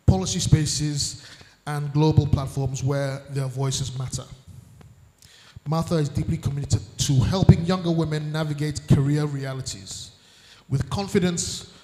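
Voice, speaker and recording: A man moderating a conference panel, reading the panelists' bios aloud in a measured way with dry asides. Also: on the high side, dark tone. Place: large conference hall. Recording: echoey hall with long reverb.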